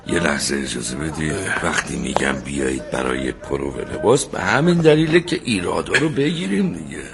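An actor playing a devout neighborhood tailor who apologizes and reasons with an angry customer. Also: male voice, extremely low pitch, creaky, crowd noise, full character voice. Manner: pleading and apologetic, reasoning calmly. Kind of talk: television drama acting.

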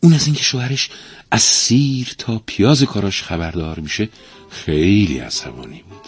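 A man reading a story aloud in an expressive storytelling manner. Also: on the low side, husky, faint music behind. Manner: expressive reader, many character voices. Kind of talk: storybook narration.

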